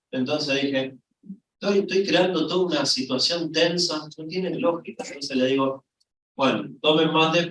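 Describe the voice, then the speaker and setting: A middle-aged man with an Argentine accent preaching a sermon, telling a story with lively rises in his voice. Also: fairly high pitch, a little hiss or hum. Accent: Argentine Spanish. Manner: storytelling, lively, voice rising when excited. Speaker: pastor. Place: church hall. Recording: echoey church from far off.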